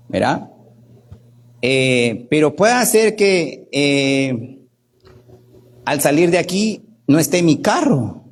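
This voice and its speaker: This doctor's voice is a little high and husky. Presenting a spirited workshop in Guatemalan Spanish, he repeatedly asks "¿verdad?" and impersonates the people he cites.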